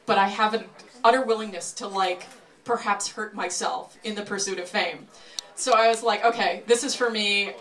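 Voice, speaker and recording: Woman, sword swallower's stage patter, medium pitch, self-deprecating, wry, dramatic showman pauses, live sideshow performance. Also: steady tone, fairly bright tone. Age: 30s or older. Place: live stage show before an audience.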